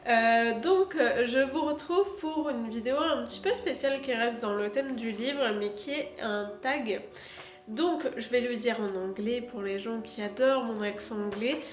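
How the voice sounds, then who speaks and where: A woman's voice: a little high, normal speed, muffled recording. Chatty French booktuber woman, echoey room. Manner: chatty, full of hesitations and fillers; moves about while talking, standing. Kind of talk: casual vlog chat. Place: at home by her bookshelves. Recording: echoey room with faint background music.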